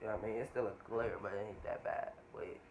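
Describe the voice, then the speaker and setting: A man's voice: lowish voice, steady tone, fairly quick. A young American man chatting casually in slang and repeating himself as he narrates a home cooking vlog. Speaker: vlogger. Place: home kitchen. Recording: noisy home recording with clicks.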